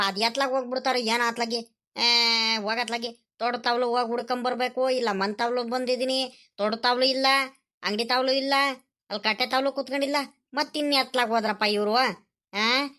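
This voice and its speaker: A woman playing an eager, loyal young male village sidekick in a comedy sketch, calling out loudly and grumbling to himself. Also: on the high side, close to an everyday voice. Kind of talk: rural comedy sketch acting.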